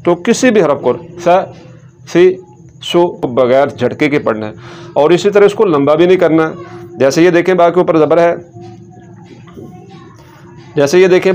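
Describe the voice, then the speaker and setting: A man's voice: on the high side, a little mellow, lo-fi sound, a little hiss or hum. Patient man teaching letter sounds. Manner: patient, repeats sounds slowly and contrasts right and wrong. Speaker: Quran reading teacher. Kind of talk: slow step-by-step lesson.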